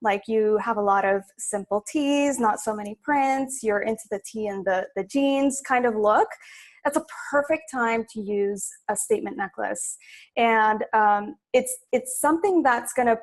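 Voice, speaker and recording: Young woman from sudan chatting as a stylist guest, kinda high voice, lots of ums. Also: moderate pace. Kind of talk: casual interview.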